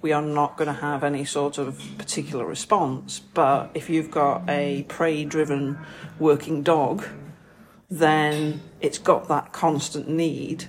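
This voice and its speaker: A woman co-hosting a casual podcast chat as a therapist, explaining things in a measured way with dry humour. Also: low voice, flat delivery, a little hiss or hum, low-quality recording. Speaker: therapist co-host. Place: festively decorated room with background music.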